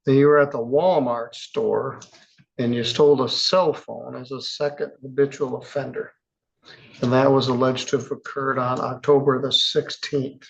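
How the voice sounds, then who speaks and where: Man, judge on the bench; gravelly, unhurried, plainspoken, recorded on dull courtroom audio. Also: medium pitch, steady tone. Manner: measured, plainspoken, chatty asides. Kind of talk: courtroom proceedings.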